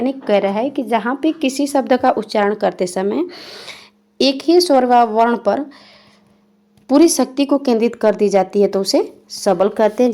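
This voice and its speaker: A woman's voice: a little high, warm tone. A young woman teaching a Hindi grammar lesson for exam prep, reading each definition and then explaining it again in plain words. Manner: spells out examples one by one.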